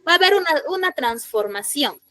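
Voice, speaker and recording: A woman's voice: high-pitched, expressive, a little fast, pushed and bright, no echo. A woman teacher giving an online school lesson, quizzing her students and repeating the key points. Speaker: secondary school language teacher. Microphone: computer mic in an online class.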